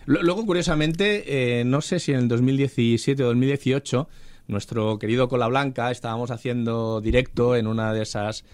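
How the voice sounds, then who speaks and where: A man's voice: mid-range voice, steady tone, moderate pace, darkish tone, no echo. A man, co-hosting a podcast and chatting enthusiastically about old films. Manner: enthusiastic storyteller. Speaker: podcast co-host. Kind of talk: casual chat about films.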